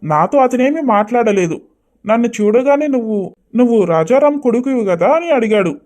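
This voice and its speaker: A man voicing an easygoing young husband and son in a cartoon story, gently teasing. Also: extremely high pitch, expressive, normal speed.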